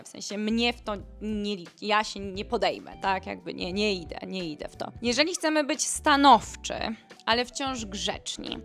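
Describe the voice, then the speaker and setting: A woman's voice: medium pitch, fairly bright tone. A woman who grew up speaking Polish, chatting casually in an online lesson as she explains English phrases with quoted examples. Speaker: English teacher.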